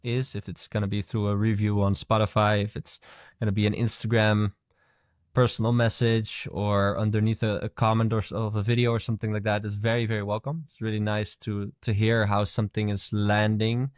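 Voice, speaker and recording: A man's voice: lowish voice, little pitch movement, brisk, dry recording, clean studio sound. A man co-hosting a podcast in casual chat, thoughtful and musing as he talks. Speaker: podcast co-host.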